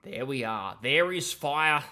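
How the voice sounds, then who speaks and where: A young adult man gives sardonic, emphatic critical commentary on a video game from a small room at home. His mid-range voice is sharp, with lively intonation and a slow pace, picked up by a close desk microphone with a headset.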